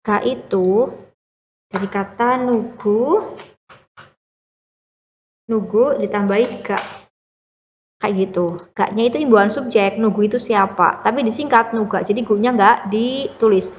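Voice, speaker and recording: A woman's voice: medium pitch, unhurried, pauses often, in a large hall, muffled recording, slight background noise. A woman teaching a beginner language lesson, explaining patiently step by step and checking in often with the listener. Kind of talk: classroom-style lesson explanation.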